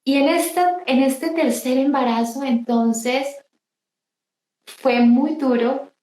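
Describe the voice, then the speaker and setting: A woman giving an emotional personal testimony in an interview, halting and restarting often. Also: sits high, dark tone, reverberant, rough recording. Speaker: interview guest.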